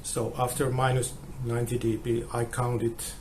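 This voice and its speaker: A man explaining a guitar measurement test, halting and restarting often, heard through a low-quality phone recording. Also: completely flat delivery, background noise. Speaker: guitar tester.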